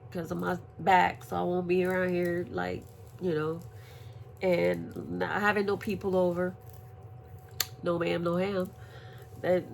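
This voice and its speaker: Woman, gravelly, profane, animated casual vlog, faint background noise. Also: on the low side. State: recovering from surgery. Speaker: vlogger. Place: at home, indoors.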